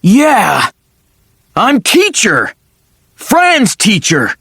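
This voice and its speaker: A man voicing a loyal talking sword who acts as a mentor, speaking earnestly and excitably. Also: sits high, takes it slowly, husky, no room sound, clean studio sound, pitched above the performer's own voice, exaggerated voice. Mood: excited.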